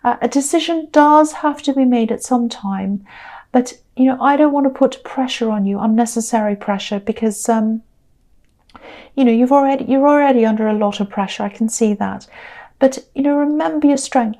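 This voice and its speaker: A woman giving a tarot reading to camera. Her voice is croaky and tired, and she talks in a gentle, reassuring way, repeating herself and using many fillers. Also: on the high side, moderate pace. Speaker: tarot reader.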